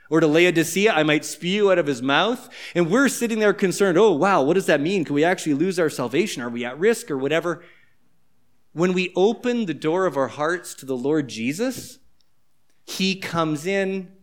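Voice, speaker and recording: A man's voice: a little high, a bit bright. A man preaching a sermon as a pastor, earnest and emphatic, explaining scripture to his congregation.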